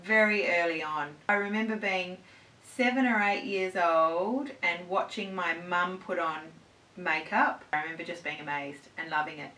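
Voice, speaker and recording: A woman's voice: lowish voice, normal speed, pushed and bright. Woman, 30s, beauty vlog host, chatty Q&A, roomy distant camera mic. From born in the USA, raised in Australia. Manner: chatty and upbeat, answers at length. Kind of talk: casual Q&A chat. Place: indoors at home on a couch.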